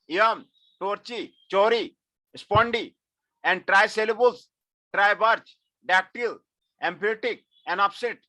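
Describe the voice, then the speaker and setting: Middle-aged male lecturer, high and bright, unhurried, repetitive delivery, dry close sound. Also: dry recording. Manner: mixes Hindi and English, repeats phrases, frequent filler "aapko". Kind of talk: classroom lecture.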